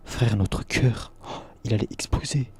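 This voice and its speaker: A man's voice: on the low side, darkish tone, husky. A man voicing an anxious, stressed young male friend in a spoken horror story. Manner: anxious, hurried.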